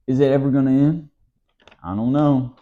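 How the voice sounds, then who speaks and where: A vlogger from the United States, a man with a Southern American accent, grumbles in an exhausted, exasperated way through a casual monologue at medium pitch and moderate speed. Sound quality is lo-fi and somewhat dull.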